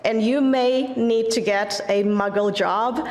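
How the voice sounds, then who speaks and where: A woman's voice: on the high side, steady tone, slow pace, darkish tone, slight background noise. A woman judge giving an earnest, encouraging award speech on stage, opening with a formal greeting in Māori. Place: large event hall. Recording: echoey hall with long reverb.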